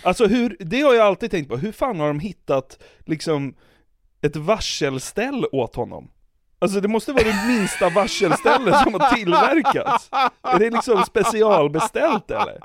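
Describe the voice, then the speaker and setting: A man's voice: high-pitched, sing-song, dry recording. Teasing, skeptical young Swedish man. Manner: skeptical, teasing, swears casually. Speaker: podcast co-host. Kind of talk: casual podcast chat.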